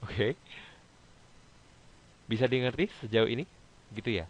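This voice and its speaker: A man's voice: mid-range voice, moderate pace, rough recording. A man teaching an English grammar lesson to students over a video call, explaining patiently step by step and checking that they follow. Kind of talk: online class teaching.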